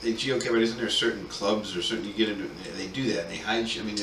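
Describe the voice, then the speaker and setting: A man co-hosting a casual podcast chat, blunt and crude and quick to swear. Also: fairly low pitch, fairly bright tone. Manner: blunt and crude, swears a lot, mumbles asides. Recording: echoey room, distant mic, faint noise.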